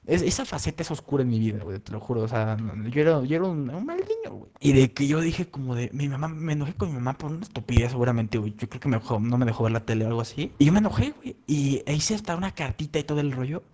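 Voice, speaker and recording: A man with a Mexican accent telling a story in casual chat, animated and full of slang, acting out voices as he goes. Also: medium pitch, fast, few pauses. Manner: animated, heavy slang, acts out voices in anecdotes.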